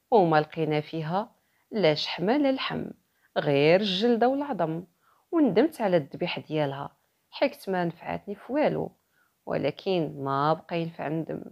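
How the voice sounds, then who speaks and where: A woman narrator takes the part of an old sheikh in a folktale. The voice is fairly low with a Moroccan accent, earnestly recounting a sorrowful tale. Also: expressive, fairly quick, creaky, a little mellow, highs cut off. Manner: earnest, storytelling.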